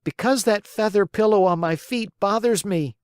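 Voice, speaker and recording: A storyteller voicing a whiny, stubborn wooden marionette boy in a high, strained, whining voice. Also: normal speed, clean tone, no echo, studio quality, lightly acted. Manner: bargaining, then wailing and pleading.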